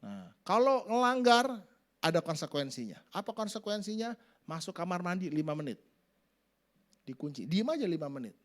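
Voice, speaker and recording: A middle-aged man preaching a sermon, acting out family scenes in sudden loud voices. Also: on the high side, a little fast. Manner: animated, acts out family scenes with shouted voices. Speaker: pastor.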